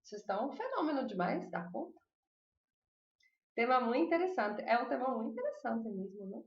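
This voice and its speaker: A woman teaching a language class online, chatting with her students, asking them questions and slowly repeating lists of words. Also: a little high, very animated, reverberant, lo-fi sound. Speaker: Spanish teacher.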